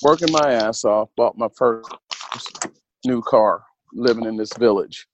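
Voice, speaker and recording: A man's voice: mid-range voice, unhurried, highs cut off, slight background noise. A man telling stories bluntly in a casual chat, swearing and saying "dude". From United States.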